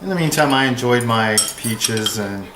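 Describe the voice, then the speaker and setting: Animated and medium-pitched at a normal speed, a man hosts a product review video, chatting casually and rambling through his hands-on impressions in an offhand style. Clear background noise and echo fill the room.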